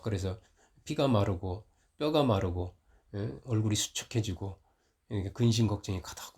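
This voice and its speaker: Middle-aged man preaching in story mode. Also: fairly low pitch. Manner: storytelling, rising loud when retelling conflict. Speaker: pastor. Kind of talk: conversational sermon.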